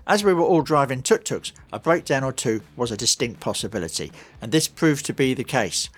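A man's voice: medium pitch, sing-song, fairly quick. A man narrating scripted travel stories as a podcast host.

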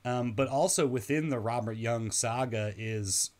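A man's voice: mid-range voice, measured pace. A man talking casually as a guest about films, retelling scenes and mimicking the people in them. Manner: animated storyteller, acts out quoted people. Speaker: podcast guest. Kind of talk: casual film discussion.

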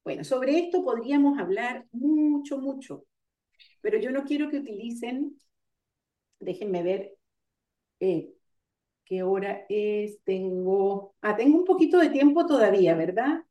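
A woman giving an online lecture on coaching, explaining ideas step by step and pausing with fillers to gather her thoughts. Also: a little high, animated, highs cut off. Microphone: video call. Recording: roomy sound, far from the mic.

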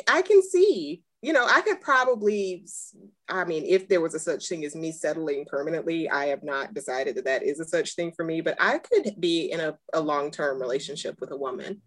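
A woman co-hosting a podcast, speaking candidly and affirming her co-host with frequent murmurs. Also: lowish voice. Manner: relaxed, affirming, frequent mm-hmms. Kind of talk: candid casual chat.

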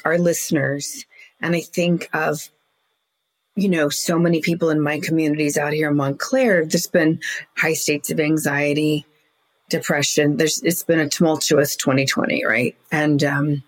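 A woman hosting a podcast who asks her guest questions in a casual way, often stumbling and repeating words as she starts. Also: deep voice. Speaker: podcast host. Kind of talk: conversational podcast interview.

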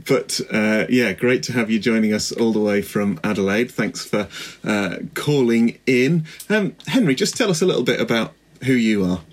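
A man's voice: fairly low pitch, lively intonation, moderate pace. A man hosting a podcast interview, friendly and upbeat. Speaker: podcast host.

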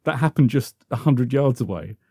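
As an interview guest, a South London football podcaster in his fifties rambles casually through old memories, hesitant and often correcting himself in his London accent. The voice is medium-pitched, expressive, dark and husky, at a moderate pace, in clean studio sound without echo.

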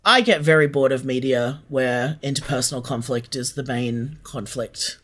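Medium in pitch and fairly bright, this man talks at a normal speed as he earnestly explains things in a reflective interview, repeating phrases for emphasis. He's a podcast guest who co-created an audio drama.

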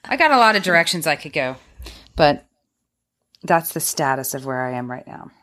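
A woman with a low voice co-hosts a book podcast. She chats casually and rambles a little as she thinks aloud. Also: sing-song, normal speed, a bit bright. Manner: chatty, rambling. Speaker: podcast co-host.

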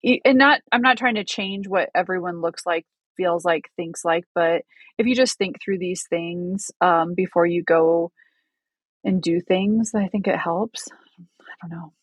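This podcast co-host is a woman with a lowish, slightly rough voice and a measured pace. Chatting casually, she rambles, often restarts her sentences and laughs at her own nerves in a self-deprecating way. There's no room sound on the recording.

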